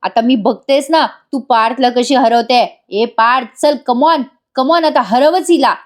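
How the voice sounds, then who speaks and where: A woman's voice: high-pitched, unhurried. A woman voicing an irritated, competitive young woman from a TV serial, in a snappy manner. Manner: snappy, cheering.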